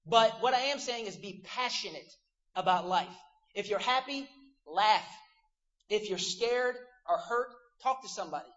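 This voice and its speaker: A man's voice: high-pitched, animated, normal speed, a bit bright, muffled recording. A man preaching a casual, joking youth sermon to a crowd of teens.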